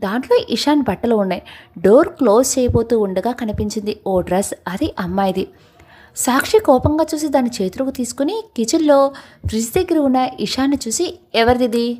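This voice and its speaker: A woman narrating a family love story in a calm, scripted storytelling manner. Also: fairly high pitch, a little fast, breathy edge.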